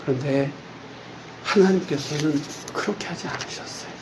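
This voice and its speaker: A middle-aged male pastor preaching a sermon in an animated way, often asking the congregation rhetorical questions. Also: fairly high pitch, moderate pace, noisy background.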